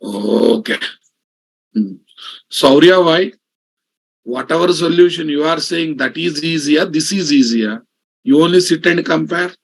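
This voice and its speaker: A man with a Telugu Indian accent and a fairly high, gravelly voice teaches programming in a live online class. He drives points home emphatically, repeating sentences and often asking whether students follow. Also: measured pace, long pauses. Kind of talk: live online coding lesson.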